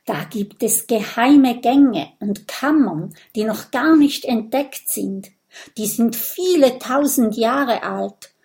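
An eager little boy fire dragon from a storybook, voiced by a woman reader. He talks with bright curiosity, keen on secrets and adventure. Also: on the high side, takes it slowly, creaky, heavily acted. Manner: eager, bookish, lively.

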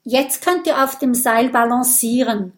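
A woman voicing a clever, helpful little boy dragon in a children's audiobook, explaining calmly. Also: fairly high pitch, a little slow, natural voice. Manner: explaining, calm and resourceful.

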